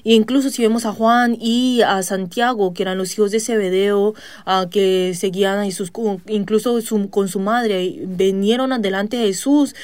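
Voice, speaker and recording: A woman preaching a sermon. She retells a Bible story at a measured pace, pausing often to hesitate and asking her listeners questions. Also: medium pitch, steady tone, a little mellow, dry recording. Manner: measured, with frequent hesitant pauses.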